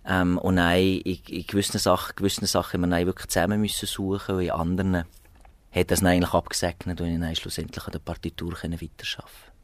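A man's voice: low-pitched, level tone, fast, dry recording. A man with a Swiss German accent, an arranger and saxophonist, answering interview questions in a thoughtful, hesitant way. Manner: thoughtful, hesitant, many fillers and restarts. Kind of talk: radio interview.

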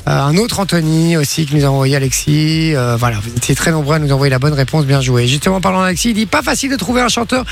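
Fast, gravelly high-voiced radio host. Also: male voice, slight background noise. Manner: quick, teasing, laughing. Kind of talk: lively radio banter. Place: radio studio.

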